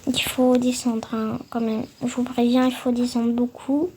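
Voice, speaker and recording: A woman's voice: on the high side, flat delivery, measured pace, mellow, a little hiss or hum. A woman talking through a game tutorial, hesitant, with many fillers and restarts. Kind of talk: casual game tutorial voice-over.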